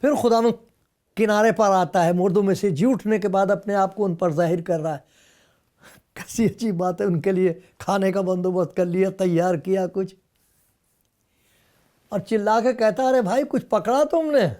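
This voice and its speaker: A pastor preaches with a high-pitched, mellow voice, keeping his intonation fairly even and pausing often. He tells the scripture as a story, acting out the conversation between Jesus and Peter, and occasionally breaks into emphatic outbursts.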